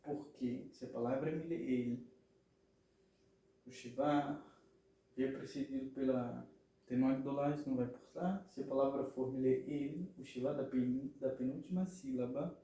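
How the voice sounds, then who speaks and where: A man with a mid-range, mellow voice teaches grammar patiently at a measured pace in an explanatory lesson. He repeats words and often checks that listeners follow. The room is very echoey, and the mic sits at a distance.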